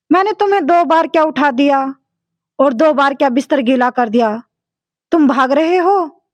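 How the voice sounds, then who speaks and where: A woman voicing an elderly, patient and loving mother who speaks gently and softly in a storybook tale. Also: high voice, no echo. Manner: gentle, soft-spoken.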